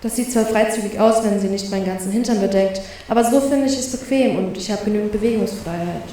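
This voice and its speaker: A woman's voice: mid-range voice, fast, warm tone. A woman doing a young woman's echoing inner voice. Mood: self-critical. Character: small young woman thinking to herself, self-conscious. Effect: echo on the inner voice. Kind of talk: storybook reading. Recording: heavy echo with faint hiss.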